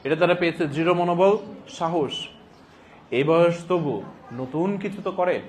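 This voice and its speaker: High-pitched man teaching, emphatic and deliberate. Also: a little hiss or hum. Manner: repeats phrases slowly and deliberately for note-taking; emphatic, question-and-answer prompting of students. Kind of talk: classroom lecture with dictation.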